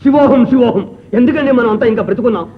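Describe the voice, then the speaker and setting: Lamenting king, dramatic, quick, tinny vintage film audio. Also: extremely high pitch, slight background noise. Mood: despairing. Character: despairing king lamenting his failure. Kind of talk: 1960s film acting. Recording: reverberant phone-thin old film soundtrack.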